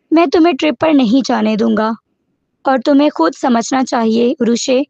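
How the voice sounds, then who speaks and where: A woman's voice: high-pitched, gravelly, darkish tone, no room sound. A woman reading the lines of a stern, protective young man who scolds, in a dull lo-fi recording.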